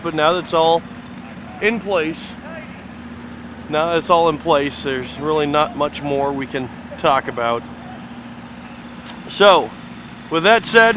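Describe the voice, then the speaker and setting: A fairly high-voiced man talks excitedly while walking around an outdoor construction site, rambling and filling pauses with "uh". His voice is caught by a handheld camera, with faint traffic noise outside. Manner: enthusiastic, rambling with fillers. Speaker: fan site video host. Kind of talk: casual walking site tour.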